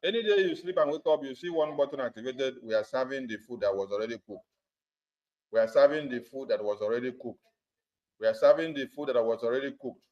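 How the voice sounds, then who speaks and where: A man's voice: medium pitch, fast talker, darkish tone. Man on a muffled conference call. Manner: emphatic and repetitive, hammering points. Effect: conference call audio. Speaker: activist speaker addressing supporters. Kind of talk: political address on a group call. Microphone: phone or computer on a group call. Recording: dull lo-fi conference call line.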